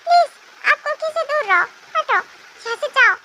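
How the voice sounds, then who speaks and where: Fan dubber doing a sulky childish young wife, high voice, hissy mic. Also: expressive, normal speed. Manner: refers to herself in third person, whiny. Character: moody pregnant young wife, childish and pouty. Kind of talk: amateur fan dub. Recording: noisy home recording.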